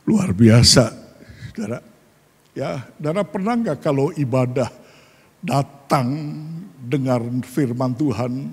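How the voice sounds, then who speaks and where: Husky-voiced man preaching in a reverberant hall. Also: a little high. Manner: animated preaching, often addressing listeners as brothers and sisters. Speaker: pastor. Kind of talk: sermon.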